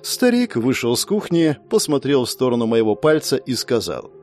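Male audiobook narrator, first person, very lively and emotional delivery, mid pitch. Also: moderate pace, soft background music.

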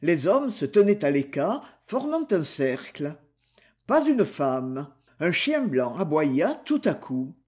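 A man narrating a novel for an audiobook with an expressive, dramatic delivery. His voice is fairly high and swings widely in pitch. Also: slow pace.

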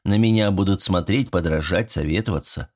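A man reading a first-person audiobook story, with expressive storytelling and dry wit. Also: sits low, brisk. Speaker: audiobook narrator.

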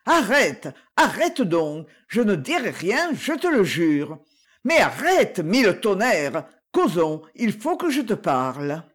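An audiobook reader voicing a calm, mocking gentleman who barks short commands and then mutters to himself. The husky delivery stays unhurried and lively in pitch. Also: full character voice. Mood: pleading. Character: calm, mocking male gentleman in a night chase. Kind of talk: audiobook reading.

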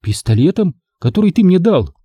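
A woman's voice: fairly low pitch, very animated, moderate pace, dark tone, husky, no room sound, pitched above the performer's own voice. A man voicing a fierce, loyal young woman in an audiobook, pleading and scornful by turns. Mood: heated. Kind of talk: audiobook character voice.

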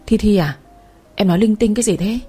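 A gentle young husband in a romance audiobook, read by a woman narrator. He speaks softly and soothingly, in a warm, mellow tone with a slightly husky edge. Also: medium pitch, a little fast, soft background music, close to an everyday voice. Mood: tender. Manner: soft, soothing.

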